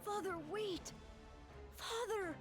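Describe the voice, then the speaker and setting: A woman's voice: extremely high pitch, slow, faint music behind. An actress playing a distressed young daughter pleading with her father in a video game. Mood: desperate pleading.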